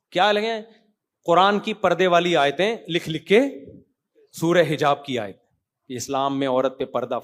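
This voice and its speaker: A man speaks as a cleric in an informal religious talk. He talks in an animated way, surging into loud emphatic stretches and then settling back down, and he keeps checking that his listeners follow. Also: fairly high pitch. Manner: conversational, asks listeners rhetorical checks. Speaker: Islamic cleric answering questions.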